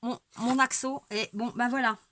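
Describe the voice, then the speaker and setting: Her steady, fairly bright voice sits on the high side at a moderate pace. Stuffy with a cold, this amateur painter walks through a casual at-home demonstration of her technique, rambling hesitantly with repeated words and wry asides; clear background noise and an occasional barking dog are audible.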